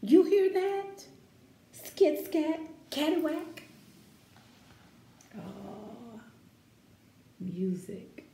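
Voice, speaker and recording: A woman with a high-pitched voice reads aloud from a picture book during children's story time, expressive and unhurried. She asks the young listeners questions and makes offhand remarks, while the space echoes and faint noise lingers.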